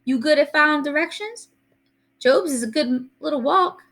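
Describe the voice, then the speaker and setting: A woman's voice: sits high, lively intonation, moderate pace, a bit bright, voice pushed up. A woman voicing a small, feisty, loving old grandmother with a Southern US accent and a folksy, commanding manner in a storybook reading. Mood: brisk.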